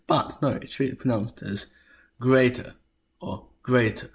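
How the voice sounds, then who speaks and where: A man presenting a history lesson as scripted narration, spelling out sounds deliberately with occasional stumbles. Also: mid-range voice.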